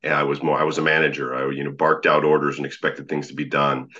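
A man with a low, magnetic, deep voice talking conversationally as a guest in an interview, on a slightly dull recording. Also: level tone, fast talker, pushed and bright. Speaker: podcast guest, leadership coach.

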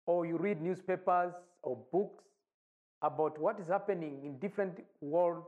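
A man, an evangelist giving a measured recorded sermon. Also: high voice, a little mellow. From Rwanda. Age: 40s. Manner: measured, deliberate preaching with long pauses. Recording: dull lo-fi recording.

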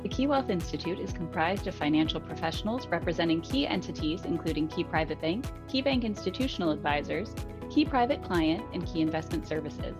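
A low-voiced woman reads a scripted legal disclaimer as a formal announcer. Her delivery is measured, and music plays clearly underneath her. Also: animated, muffled recording.

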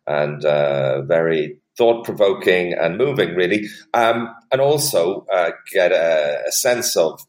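Deep male interviewer with halting delivery. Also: animated, echoey room. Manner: halting, repeats words. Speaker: podcast interviewer. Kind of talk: unscripted interview questions.

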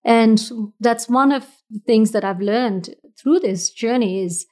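A Fijian businesswoman, appearing as an entrepreneur guest in a casual interview, speaks earnestly and thoughtfully, frequently starting her sentences over. Her voice is fairly high and slightly dark in tone, and she talks at a measured pace.

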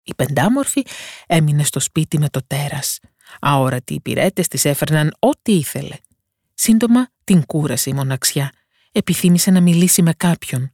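A woman storyteller giving a scripted fairy-tale narration in a calm, measured way. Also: deep voice, no room sound, studio quality.

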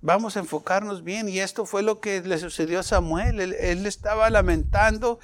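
A man preaching a sermon, asking his congregation questions and shifting between loud emphasis and softer passages. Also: high voice, moderate pace. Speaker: pastor.

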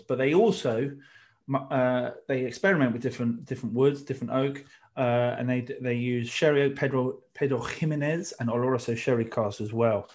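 A man's voice: mid-range voice, darkish tone. Middle-aged man, drinks podcast co-host, rambling explanations, medium voice. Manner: chatty, explains at length with many restarts. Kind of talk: casual chat about drinks tasting.

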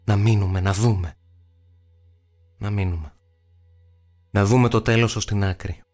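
A frightened but stubborn young girl, read by a male narrator in an audiobook. She speaks in a hushed, urgent voice, though it stays deep and level. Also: fairly even intonation, natural voice.

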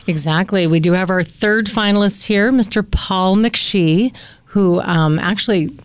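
A woman who directs an orchestra, introducing a guest in a measured, welcoming way during a radio studio interview. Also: medium pitch, clear, resonant tone, no room sound.

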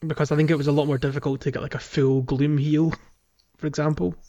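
A British man co-hosts a podcast, chatting casually and ramblingly about games. His voice is on the high side and warm, but his delivery is flat, and he talks fast. The audio is slightly dull and lo-fi.

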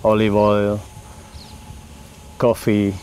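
This male voice belongs to a middle-aged Chilean winemaker, a native Spanish speaker with a Chilean Spanish accent, interviewed for an oral history. His lowish, darkish voice moves extremely slowly with a completely flat delivery, earnest but full of fillers and restarts. Slight background noise is present.

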